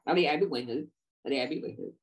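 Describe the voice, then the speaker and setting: A man's voice: fairly high pitch, rapid-fire. A middle-aged man, a Buddhist monk, giving a dharma talk to a live audience, digressive and full of fillers and restarts.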